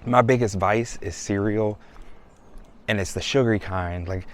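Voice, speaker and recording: A male vlogger talks casually to camera, relaxed and chatty, calling his viewers y'all. His voice is fairly low and a little slow.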